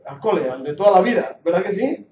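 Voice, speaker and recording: Animated and fast, with a voice that sits high and a darkish tone, this Catalan man in his forties gives an earnest, joking Bible lecture that swells into emphatic preaching. He speaks with a mix of Catalan Spanish and English accent. The recording, from a handheld or lapel mic, is muffled and echoey in a hall, with slight background noise.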